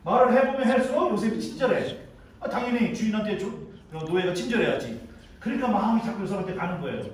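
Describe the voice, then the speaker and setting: A man's voice: sits high, expressive, fast talker, slight background noise. A male pastor preaching a sermon at a school chapel service, telling the story dramatically. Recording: echoey hall from far off.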